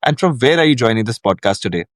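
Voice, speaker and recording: A man hosting a podcast, reading a formal scripted introduction and then asking his guest questions in a measured, welcoming way. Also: medium pitch, lively intonation, no room sound, studio quality. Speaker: podcast host.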